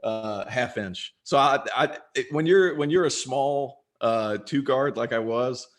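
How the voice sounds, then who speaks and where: A young man, formerly a college basketball player and now a podcast host, speaks a little slowly at medium pitch. He's chatty and pokes fun at himself during the casual interview, with frequent restarts.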